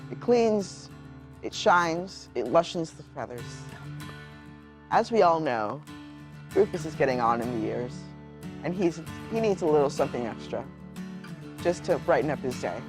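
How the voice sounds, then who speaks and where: Someone doing a slow, zany rooster-shampoo pitchman. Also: animated, music in the background. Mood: hard sell. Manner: exaggerated sales patter, slow and over the top. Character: wacky infomercial pitchman with a pet rooster.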